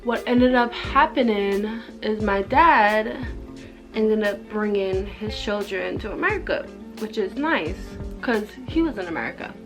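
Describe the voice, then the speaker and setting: A woman's voice: medium pitch, animated, measured pace. A young woman from Jamaica telling a personal story in a casual, rambling, conversational way. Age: young adult. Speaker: vlogger. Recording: music behind the voice. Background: background music.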